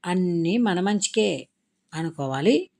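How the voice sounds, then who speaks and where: A woman's voice: on the low side, lively intonation, slow pace, vocal fry, darkish tone, full character voice. A woman reading a story aloud, voicing a caring young woman who speaks eagerly and earnestly.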